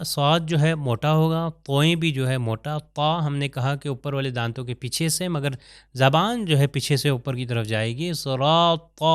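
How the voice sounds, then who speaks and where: A man teaching Quran recitation over slides, explaining letters and then slowly drawing out sample verses. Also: mid-range voice, clean tone, dry recording, clean studio sound. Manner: slow drawn-out sample recitations between explanations. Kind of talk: pronunciation lesson over slides.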